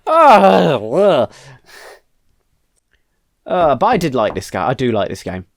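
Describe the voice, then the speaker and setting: A man's voice: medium pitch, sing-song, quick pace. Self-mocking man reacting. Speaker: channel host. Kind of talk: reacting to his old video.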